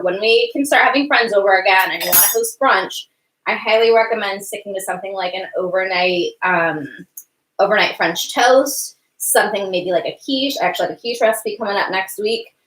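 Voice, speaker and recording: Chatty woman hosting a kitchen live stream. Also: medium pitch. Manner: chatty, giggly, reads viewer questions aloud. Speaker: cooking show host. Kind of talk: casual live-stream chat. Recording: roomy kitchen echo, faint noise.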